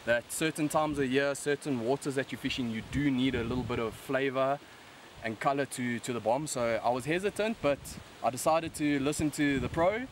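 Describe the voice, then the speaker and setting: On a river bank outdoors, a young adult angler with a broad South African accent chats casually through fishing tips for his video. His voice is mid-range and moves at a moderate pace, recorded on an outdoor camera with noise in the background.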